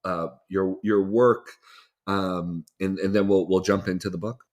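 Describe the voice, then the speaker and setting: A man hosting a conversational podcast interview, friendly and halting, with many fillers and restarts. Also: sits low, fairly even intonation, a little mellow. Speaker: podcast host.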